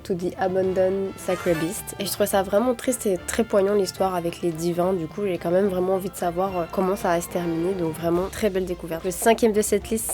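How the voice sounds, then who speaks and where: A woman's voice: medium pitch, dark tone. A young woman vlogger chatting casually and enthusiastically about manga, using informal slang. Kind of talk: casual manga review vlog. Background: background music.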